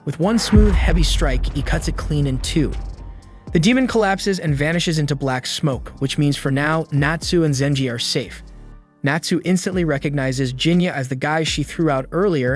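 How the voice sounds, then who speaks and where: A man's voice: on the high side, moderate pace, soft background music. A man reading a scripted story recap in a casual, slangy storytelling manner. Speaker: recap narrator. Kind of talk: scripted narration.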